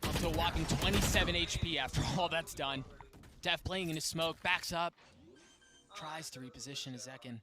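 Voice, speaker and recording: A man's voice: fairly high pitch, normal speed, loud music behind the voice. A man doing esports caster play-by-play on a live match, his voice rising sharply with the action.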